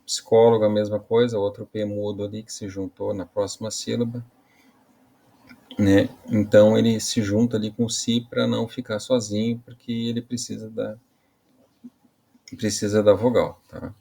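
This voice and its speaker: Male teacher, gravelly low voice, casual lesson delivery with frequent restarts. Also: level tone, mellow. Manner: casual explaining with frequent "né" and "tá" tags; halting restarts while explaining. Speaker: Portuguese teacher. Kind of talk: online grammar lesson.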